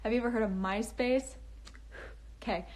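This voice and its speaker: A woman's voice: a little high, fairly even intonation, normal speed, darkish tone. A young woman chatting on a casual livestream from home, talking in a nervous valley-girl way with lots of fillers and restarts. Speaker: author livestreaming to fans. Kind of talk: casual livestream chat, reading comments. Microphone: phone.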